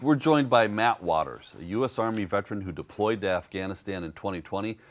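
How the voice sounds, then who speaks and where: A man with a fairly low voice hosts a public affairs conversation. He asks his guests questions in a measured way, pausing on fillers as he goes. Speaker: host.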